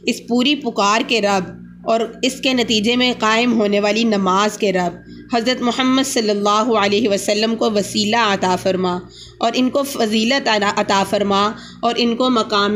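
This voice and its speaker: A woman teaching a religious lesson, explaining slowly and repeating the key rules. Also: mid-range voice, fairly bright tone, slight background noise. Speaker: Quran teacher.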